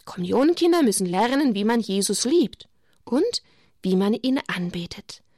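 A woman's voice: a little high, big pitch swings, moderate pace, mellow, dry recording. Woman reading as a devout mother teaching kids, firm and instructive, dry sound. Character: warm pious mother teaching children.

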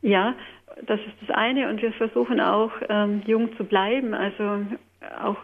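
A woman's voice: mid-range voice, fairly even intonation, unhurried, vocal fry. A middle-aged woman, a Franciscan nun, answering interview questions in a thoughtful, hesitant way. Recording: tinny phone line.

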